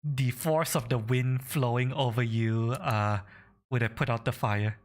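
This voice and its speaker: A man running a tabletop game, improvising the narration and thinking aloud in a halting way. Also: mid-range voice, steady tone. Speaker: game master.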